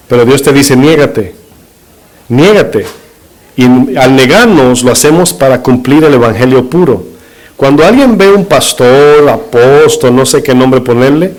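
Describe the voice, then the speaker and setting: A man's voice: medium pitch, rough recording. A middle-aged man, a pastor, preaching a sermon in short emphatic phrases and putting rhetorical questions to his congregation. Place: church.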